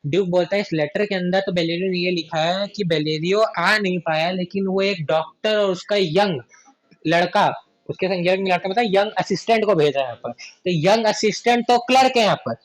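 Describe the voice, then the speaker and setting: In a high voice, a man teaches a conversational literature class, repeatedly checking whether students have any doubts. He reads the verse aloud very slowly.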